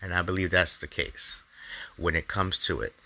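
A man's voice: deep voice, fairly even intonation, normal speed, sharp tone. A man hosting his own show, delivering an angry, profane opinion monologue in a heated, ranting way. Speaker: comedian podcast host.

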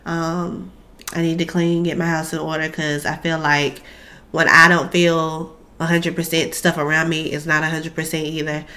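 A woman's voice: low voice, flat delivery, moderate pace, sharp tone. An American woman co-hosting a podcast in casual, informal chat with a friend, her voice stuffy from a cold. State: congested with a cold. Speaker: podcast co-host.

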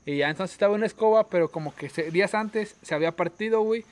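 A young Mexican man co-hosts a loose chat, racing through his anecdotes at a quick clip. His voice sits a bit high, and he breaks into laughs at his own stories. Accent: Mexican Spanish. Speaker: podcast co-host. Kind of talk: casual chat, storytelling.

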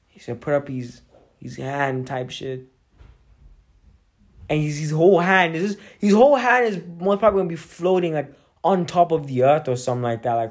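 A young man with a London roadman accent talks in a casual, rambling monologue, full of street slang and swearing. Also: medium pitch. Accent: London, urban roadman style.

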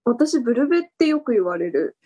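A woman co-hosting a podcast in casual chat, laughing easily and talking in a playful, relaxed way. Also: on the high side, fairly quick, husky. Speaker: podcast co-host.

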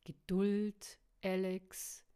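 A woman's voice: medium pitch, monotone, drawn-out words, dark tone, clear, resonant tone. A woman voicing a cruel male villain from a storybook reading, mocking and taunting his captives. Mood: gloating. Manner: sneering, taunting.

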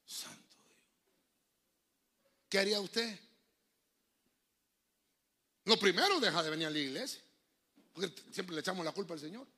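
A middle-aged man with a Honduran Spanish accent, preaching a lively sermon, telling jokes and stories and acting out voices. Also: high-pitched, normal speed, pauses often. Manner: joking, storytelling preacher, acts out voices. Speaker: pastor.

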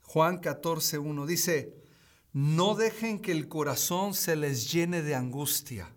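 Preacher, male, 30s: high voice, unhurried, emphatic, repeats his key lines. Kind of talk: streamed sermon.

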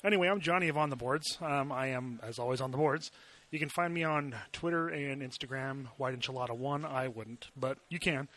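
A man's voice: mid-range voice, fairly quick, a bit bright. A man co-hosting a podcast in casual chat, joking and laughing often. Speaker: podcast co-host.

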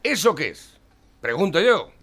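Man from Spain, bright voice, crude, mocking talk host. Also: a little high, sing-song, unhurried, slightly rough. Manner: mocking, crude, reads out headlines. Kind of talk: provocative political commentary.

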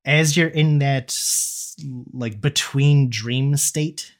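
A man's voice: medium pitch, takes it slowly. Hedging young man in casual chat. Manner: hedging, self-deprecating, filler-heavy. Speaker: podcast co-host.

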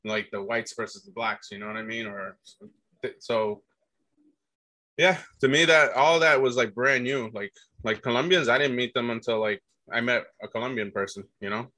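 A man's voice: mid-range voice, normal speed, sharp tone, rough recording. A man of Guatemalan background in a casual chat, rambling with many fillers and restarts.

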